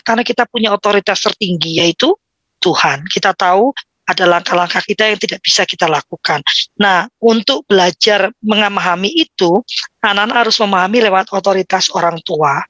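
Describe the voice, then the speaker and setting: A woman in her fifties giving an informal talk on parenting, lively and acting out the voices of children and parents. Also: mid-range voice, brisk, no echo. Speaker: parenting speaker.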